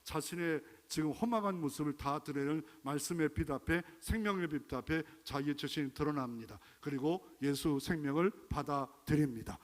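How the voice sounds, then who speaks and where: A man's voice: on the high side, moderate pace, few pauses, big-room sound. A man from Chungcheong, Korea, preaching a sermon as pastor, with emphatic exclamations and rhetorical questions. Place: church sanctuary.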